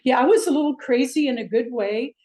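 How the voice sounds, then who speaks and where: This older woman from Iceland, a swim coach, has a high, warm voice and talks briskly. Interviewed via video call, she reflects in a chatty manner with plenty of fillers.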